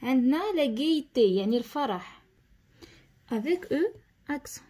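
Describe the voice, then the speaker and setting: A woman with a Moroccan accent teaching a lesson, explaining step by step, repeating key terms and reading instructions slowly and deliberately. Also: high voice, expressive, warm tone, breathy edge. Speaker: schoolteacher. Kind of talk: tutorial lesson.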